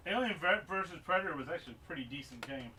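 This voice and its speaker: A man's voice: on the high side, expressive, rapid-fire. A man streaming live as he repairs game consoles, chatting casually and mumbling asides to himself while he works. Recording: voice a bit far from the mic, faint noise behind.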